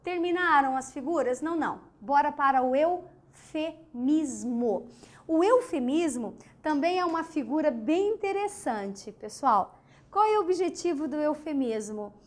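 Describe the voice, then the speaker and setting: A woman's voice: high voice, lively intonation, unhurried. A woman teacher with a Brazilian Portuguese accent giving a chatty online grammar lesson, acting out the quoted examples in changing voices.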